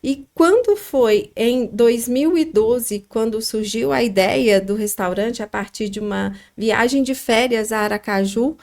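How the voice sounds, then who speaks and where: A middle-aged woman with a Minas Gerais accent, telling her story as a podcast guest, reflective and pausing often with fillers. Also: on the high side, a little mellow. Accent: Minas Gerais Brazilian Portuguese. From Minas Gerais, Brazil. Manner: reflective, pauses with frequent fillers. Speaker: guest, restaurant founder.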